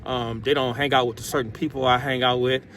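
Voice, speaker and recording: An American man gives off-the-cuff, vlogger-style advice to the camera, streetwise and emphatic, packed with slang and calling his listeners "bro." His voice is medium-pitched and a bit bright, with little pitch movement and a slightly fast pace. Street noise and passing vehicles fill the outdoor recording.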